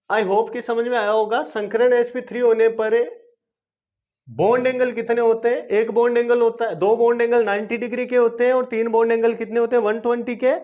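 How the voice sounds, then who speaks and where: Male teacher with a very high voice, self-answering questions, dull lo-fi recording. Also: little pitch movement, normal speed, darkish tone. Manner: asks questions and answers them himself; repetitive, coaxing teaching. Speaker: chemistry teacher. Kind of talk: classroom-style video lesson. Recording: dull lo-fi video lesson recording.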